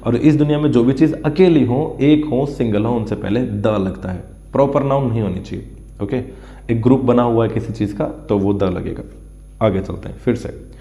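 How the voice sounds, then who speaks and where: A man's voice: mid-range voice, normal speed, warm tone. Man teaching in a roomy echo. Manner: mixes Hindi and English, repeats words to drill pronunciation, draws while explaining. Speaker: English teacher. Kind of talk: explaining an English news text in Hindi for exam students. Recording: roomy, dull lo-fi sound.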